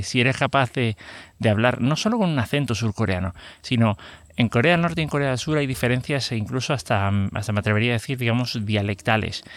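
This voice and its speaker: A man's voice: mid-range voice, dry recording. Hesitant man with a Spain Spanish accent. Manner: hesitant, rambling, full of self-corrections. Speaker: podcast host. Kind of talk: casual solo podcast talk.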